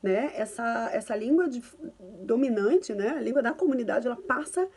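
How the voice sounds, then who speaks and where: A woman's voice: a little high, animated, normal speed, a little mellow, husky. Chatty Carioca woman giving parenting tips. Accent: Carioca Brazilian Portuguese. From Brazil. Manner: chatty, reassuring, lots of tag questions. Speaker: parenting and language vlogger. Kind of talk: casual advice talk to camera. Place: home.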